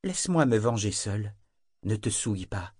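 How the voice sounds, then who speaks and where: A young woman sailor speaks calmly, holding her anger in check, as a male narrator reads her. Her lines sit slightly higher than the narration, in a dry, close recording. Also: husky, dry recording. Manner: calm, measured.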